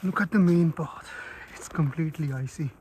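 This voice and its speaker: A man vlogging casually outdoors as he trudges carefully along an icy trail, talking in halting phrases. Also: fairly high pitch, a little mellow. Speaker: hiking vlogger. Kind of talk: casual outdoor vlog narration to camera. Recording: clear outdoor background noise.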